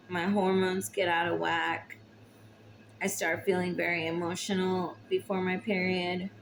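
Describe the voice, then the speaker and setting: A young woman talking to camera about her hardships, emotional and tearful, halting with long pauses. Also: fairly low pitch, gravelly, a little hiss or hum, rough recording. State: tearful, recently crying. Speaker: vlogger. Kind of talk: personal confessional talk to camera.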